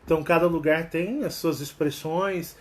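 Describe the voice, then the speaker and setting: A man's voice: on the high side, fairly even intonation, normal speed. A man from Brazil with a Minas Gerais accent, hosting his channel in a casual, rambling monologue full of tag questions. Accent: Mineiro, Minas Gerais. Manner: acts out quoted dialogue animatedly. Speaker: channel host.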